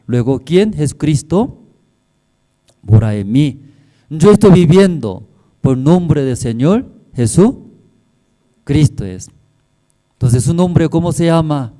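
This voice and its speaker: A man's voice: on the high side, lively intonation, slow pace, long pauses, dark tone. A male pastor preaching a sermon in simple, broken phrasing, checking in with the congregation constantly with tag questions.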